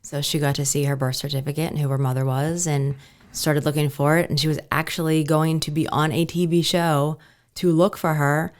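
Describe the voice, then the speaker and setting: A woman's voice: low voice, level tone, fairly quick. A woman in her forties from Pittsburgh, a podcast guest chatting easily and telling her story. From Pittsburgh, USA. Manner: easygoing, laughs often, storytelling. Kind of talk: casual interview chat.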